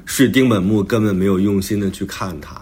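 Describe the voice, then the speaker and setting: Background music plays while a man, an author and podcast host, reflects on his own book in a casual talk. He speaks briskly in a fairly low, darkish, husky voice.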